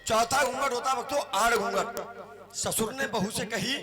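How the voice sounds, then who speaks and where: A man on stage as a singer and comic host, joking playfully with the audience at a devotional night, over loud live music. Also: very high voice, moderate pace. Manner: playful, teasing, addresses the crowd as devotees. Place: outdoor stage at a village event.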